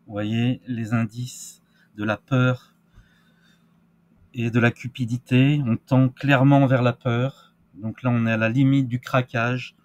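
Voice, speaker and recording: A man's voice: mid-range voice, little pitch movement, slow pace. A man giving casual crypto market commentary, hesitant with many fillers and restarts. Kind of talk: casual screen-share market analysis.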